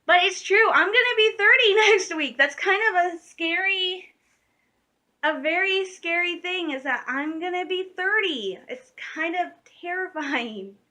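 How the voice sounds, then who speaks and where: A woman's voice: very high-pitched, lively intonation, a little slow, pushed and bright. A woman in her late twenties chatting casually to the camera from her room at home, rambling and giggling, with lots of fillers. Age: late 20s. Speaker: vlogger.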